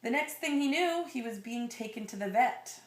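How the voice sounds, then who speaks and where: A woman with a highish, expressive voice reads a children's picture book to a listener at a moderate pace. She draws out phrases and adds conversational asides and questions, and the recording sounds roomy and echoing.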